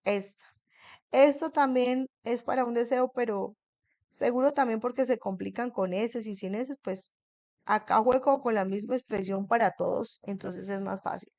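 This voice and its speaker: A woman's voice: on the high side, moderate pace, a little mellow, dry recording. A woman teaching an English grammar lesson in a classroom. She keeps checking in with her students and asks them questions.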